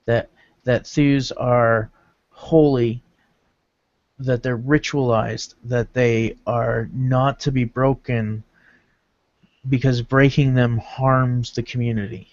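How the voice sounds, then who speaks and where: Guy explaining stuff slow and careful, podcast, dry dull audio. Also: medium pitch, little pitch movement, a little mellow, dry recording. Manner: measured, explanatory, lecturing. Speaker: podcast co-host. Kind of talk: casual podcast discussion.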